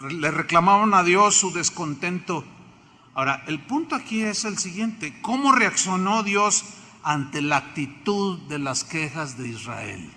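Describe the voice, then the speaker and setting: A man's voice: high voice, pushed and bright. A man with a Mexican accent preaching a sermon in a church, emphatic and full of rhetorical questions to the congregation. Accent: Mexican Spanish. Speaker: pastor. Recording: reverberant church hall.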